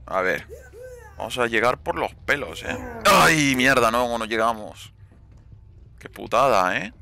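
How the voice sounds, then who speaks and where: Gravelly Spanish man taunting as he plays. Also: medium pitch, lively intonation, measured pace, bright, forceful tone, a little hiss or hum. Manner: swears, taunts players. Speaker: gameplay commentator. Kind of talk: live gameplay commentary.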